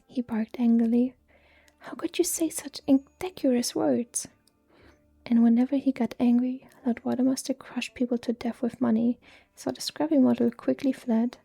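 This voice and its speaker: A woman reading a story aloud in a slow, hushed, even ASMR whisper. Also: a little high, gravelly, slightly rough. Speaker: reader.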